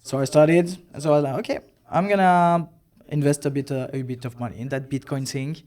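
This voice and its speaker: A man in his thirties from Belgium sits in as a podcast guest. He tells his story in a relaxed, easygoing way, pausing on fillers and acting out what others said. His voice sits at an ordinary middle pitch. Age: 30s. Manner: relaxed storytelling with hesitant fillers and self-quoting. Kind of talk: casual interview chat.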